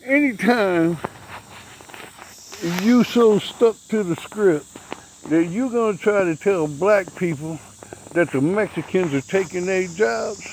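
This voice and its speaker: A man's voice: high-pitched, slow, darkish tone, a little hiss or hum, low-quality recording. A man, ranting bluntly and profanely to camera outdoors as a vlogger. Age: 60s.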